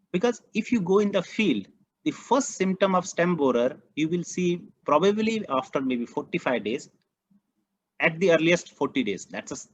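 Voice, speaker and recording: A man's voice: medium pitch, dry recording. A man from India with an Indian accent, giving an earnest, emphatic online training lecture on a video call. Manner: earnest, emphatic, repeats key points. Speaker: agronomy trainer. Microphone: computer mic on a video call. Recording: muffled video call audio.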